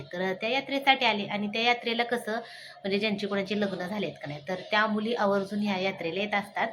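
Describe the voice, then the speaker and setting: A chatty woman in her thirties from Maharashtra, talking casually into a handheld phone as she vlogs outdoors at a village home. Her voice sits at an ordinary middle pitch for a woman. Steady outdoor noise runs under the recording throughout. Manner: chatty, talks straight to viewers and family. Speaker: vlogger. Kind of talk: casual vlog chat. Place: outdoors at a village home by a wood stove, evening.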